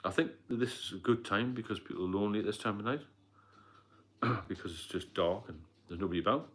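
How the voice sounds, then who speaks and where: Middle-aged British livestream host, deep low voice, loose rambling delivery with fillers. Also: male voice, quick pace, fairly bright tone. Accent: British English. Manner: rambling, repetitive, frequent fillers and coughs. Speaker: livestream host, sobriety mentor. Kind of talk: casual live stream talk.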